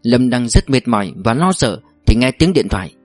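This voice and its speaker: A man narrating an audiobook in a steady, measured reading voice. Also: medium pitch, no echo, faint music behind.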